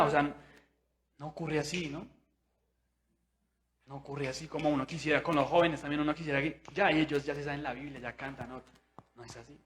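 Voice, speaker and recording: Young guy preaching at church, kinda high voice, chatty, keeps going "no?" and acting stuff out. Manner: conversational, with tag questions; animated, acts out inner voices. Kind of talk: sermon.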